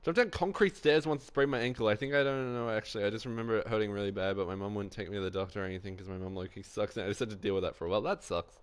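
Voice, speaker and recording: A man's voice: fairly low pitch, very fast, few pauses, clean tone. A young man streaming live, rambling through anecdotes in casual chat, swearing often and laughing a lot.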